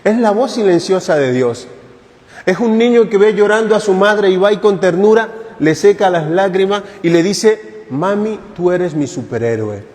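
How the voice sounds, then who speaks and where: A man's voice: sits high, moderate pace, a little mellow, long reverb tail. A man who is a priest, giving a catechesis sermon at a retreat in a conversational, joking way and putting questions to the congregation. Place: parish church.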